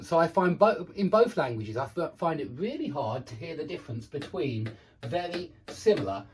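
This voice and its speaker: With a mid-range, slightly rough voice, this pronunciation teacher runs an English lesson built on demonstrated sounds. They repeat examples with careful enunciation and speak frankly and self-deprecatingly about their own difficulty.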